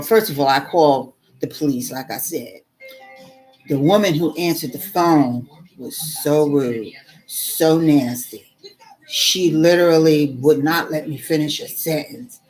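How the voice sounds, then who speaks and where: A middle-aged woman vlogger tells a story casually, animated and exasperated as she recounts what happened. Her voice is a little low for a woman, and she keeps addressing the viewer as "girl".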